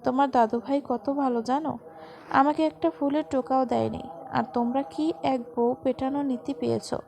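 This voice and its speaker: A woman's voice: high-pitched, steady tone, normal speed, vocal fry, a little mellow. A woman reading the lines of a bossy, scolding old grandmother in a storybook tale. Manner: scolding, firm.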